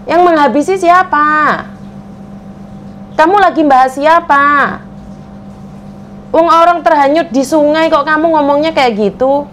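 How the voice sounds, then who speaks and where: A woman's voice: sits high, measured pace, pauses often, a bit bright, slight background noise. A woman hosting a live stream, talking to viewers and pressing commenters with repeated demands. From Indonesia. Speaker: livestream host.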